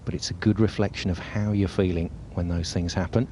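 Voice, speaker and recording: A man's voice: low voice, fairly even intonation, fairly quick, warm tone, slight background noise. A man working as a golf commentator, describing tournament play as it happens.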